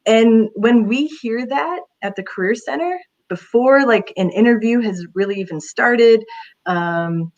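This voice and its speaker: A woman's voice: fairly high pitch, measured pace, a little mellow, muffled recording. A woman career counselor giving casual advice in an interview, talking in a chatty way with many fillers.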